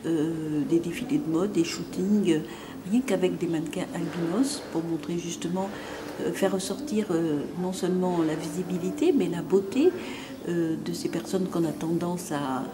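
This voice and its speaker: Fashion designer woman with fillers. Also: lowish voice. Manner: measured, with frequent fillers. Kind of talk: interview testimony. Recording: noisy ambience behind.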